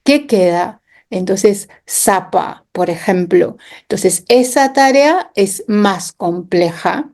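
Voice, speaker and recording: With an expressive, darkish, mid-range voice, a woman guest on a radio interview speaks slowly and with few pauses. An education specialist, she patiently illustrates her points with classroom examples, sounds out words, and tags them with little questions.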